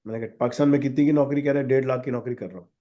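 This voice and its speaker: A man talks a questioner through the steps in a live Q&A, direct and instructive. His throat is sore, and his voice sits dark and mellow. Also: mid-range voice, steady tone, rapid-fire. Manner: direct, switches to English for emphasis. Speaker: college founder answering questions. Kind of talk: live Q&A session.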